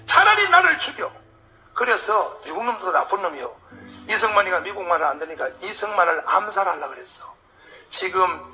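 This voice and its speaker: A male pastor giving a fiery political sermon to a crowd, swinging from shouted outbursts to hushed asides. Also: very high voice.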